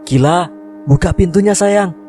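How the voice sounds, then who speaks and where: A man voicing a worried father who calls anxiously and speaks gently. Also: mid-range voice, a little fast, a little hiss or hum, pitched above the performer's own voice, natural voice. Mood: urgent calling.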